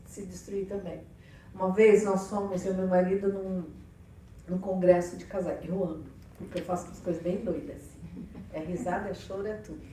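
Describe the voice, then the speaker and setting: A woman with a Brazilian Portuguese accent preaching on family life, animated and playful, acting out little dialogues. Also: medium pitch, slight background noise. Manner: animated, playful, acts out quotes. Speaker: church speaker on family life. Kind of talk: lively sermon talk with acted dialogue. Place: church hall. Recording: echoey hall, far from mic.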